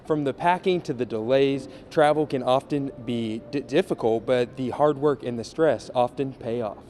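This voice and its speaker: A man reporting live for the local news from an airport arrivals area, in a measured, polished delivery. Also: medium pitch, darkish tone. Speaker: field reporter. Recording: noisy airport background.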